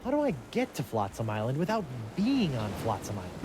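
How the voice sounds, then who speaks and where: An actor playing an eager, wisecracking young pirate in an adventure game, wordy and boyish. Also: male voice, mid-range voice, huge pitch swings, fairly quick, noisy background. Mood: eager, quippy. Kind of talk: scripted adventure game dialogue.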